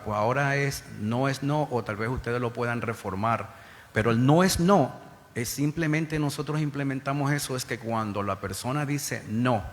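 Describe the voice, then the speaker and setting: A middle-aged man from the Bronx, a former federal agent, giving earnest public testimony to a panel with many repeated starts. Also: mid-range voice. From New York, Bronx. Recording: hall reverb with faint ambience.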